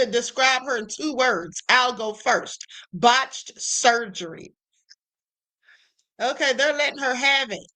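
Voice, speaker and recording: A high-voiced woman hosts a live stream. She talks in a bright, sassy way, stretching out her asides for emphasis. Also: slow. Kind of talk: casual commentary.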